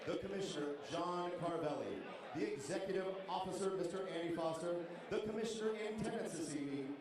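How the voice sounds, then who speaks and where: A man working as a ring announcer at a live fight night, with a formal, showy, drawn-out delivery. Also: high voice, crowd noise. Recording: roomy echoing hall, distant, noisy.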